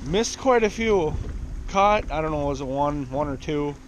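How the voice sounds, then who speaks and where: A man's voice: on the high side, expressive, measured pace. Laid-back man fishing from a boat. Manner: laid-back, rambling, plain-spoken. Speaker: fishing vlogger. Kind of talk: casual chat to camera. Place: small boat on a lake, outdoors, then inside a truck. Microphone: action camera close by. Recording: wind and water noise outdoors. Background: wind and water.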